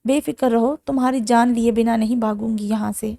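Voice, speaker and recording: A woman's voice: fairly high pitch, steady tone, vocal fry, dark tone, no room sound, clean studio sound. A woman voicing a bitter, defiant young woman held captive in a romance audiobook.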